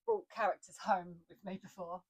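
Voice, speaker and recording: A woman's voice: lowish voice, normal speed, vocal fry, husky. A woman with an Essex accent, an actor co-hosting a casual chat, who tells stories with lots of laughter. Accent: Essex English. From Essex, England. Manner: chatty, laughs often, animated storytelling. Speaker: podcast co-host, actor.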